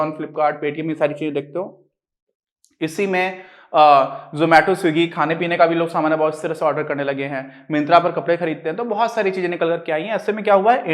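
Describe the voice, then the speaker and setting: A man teaching a class, explaining in a casual, conversational way and answering his own questions as he goes. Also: high-pitched.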